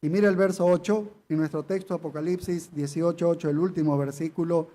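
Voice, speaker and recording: A man with a notably high voice preaches an expository sermon. He leans hard on key words, says them again and again, and keeps throwing rhetorical questions at his listeners. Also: fairly even intonation, brisk, dark tone. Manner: emphatic, repeats key phrases, asks rhetorical questions. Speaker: pastor.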